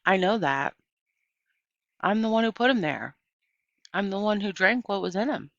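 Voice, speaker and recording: A woman voicing a kind, plainspoken old woman in a storybook, with a folksy, unhurried, gently instructive manner. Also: medium pitch, lively intonation, no room sound, muffled recording, voice pushed up. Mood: frank, rueful.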